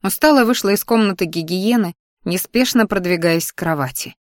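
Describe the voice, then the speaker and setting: A woman reading a romantic fantasy audiobook in the first person, at an even, measured pace. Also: lowish voice, dry recording, clean studio sound. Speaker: audiobook narrator.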